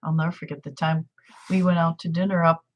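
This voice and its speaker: A woman's voice: low-pitched, little pitch movement, fast talker, dull audio. An older woman with an upstate New York accent, a guest aunt chatting casually and chiming in often. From New York State. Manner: talkative, chimes in often. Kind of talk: casual family chat.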